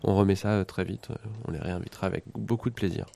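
A man's voice: low-pitched, fairly even intonation, fast talker, vocal fry, warm tone. A man with a cold, a video game columnist on a radio show, talking casually with lots of fillers and repeated words. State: has a cold. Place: radio studio.

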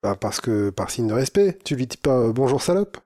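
A man's voice: mid-range voice, sing-song, a little fast, mellow, no echo. Guy cohost joking around, bouncy up-and-down voice, dry close sound, loves puns. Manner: playful, punning, teasing. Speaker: podcast co-host. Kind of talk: casual chat.

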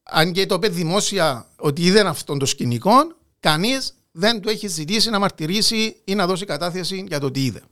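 A man with a Cypriot Greek accent telling history conversationally as a co-host, with hesitant, halting phrasing. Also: sits high, lively intonation, a bit bright. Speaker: podcast co-host narrating history. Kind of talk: conversational storytelling.

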